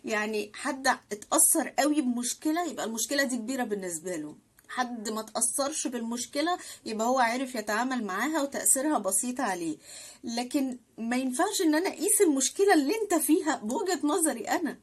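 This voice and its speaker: A fast-talking Egyptian woman speaks straight to her followers in an earnest, pleading advice talk. Her voice sits a little high, and she often slips into quick impressions of what other people say. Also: expressive. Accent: Egyptian Arabic. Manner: earnest, appealing to listeners, acting out quoted people. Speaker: social media advice speaker. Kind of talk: direct-to-camera advice talk.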